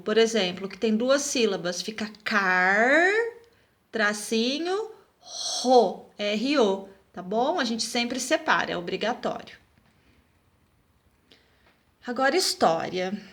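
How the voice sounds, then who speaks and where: A woman's voice: a little high, fairly bright tone. A woman teacher from Brazil giving a recorded class to children, patiently spelling out words and checking in often with her pupils.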